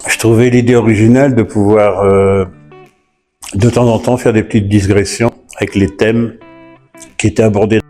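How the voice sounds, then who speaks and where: A man's voice: fairly low pitch, fairly even intonation. Hesitant man in his seventies. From northern France. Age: 70s. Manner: slow, hesitant, many fillers. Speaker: retired teacher and patois performer. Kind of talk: interview testimony. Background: soft guitar music.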